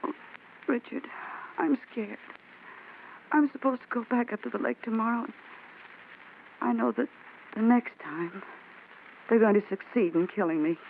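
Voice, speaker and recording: Acting in 1940s radio style, a woman portrays a scared young woman who turns to a detective for help, earnest and anxious throughout. Her voice is a little high with vocal fry, at normal speed with long pauses. The old recording sounds tinny, with faint hiss.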